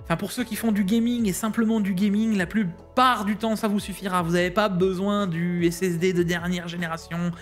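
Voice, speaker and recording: Brief: high-voiced man from Alsace, chatty tech-deals host, faint music underneath. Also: fairly even intonation. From Alsace, France. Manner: fast, chatty, slangy, laughs often. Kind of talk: casual deal rundown.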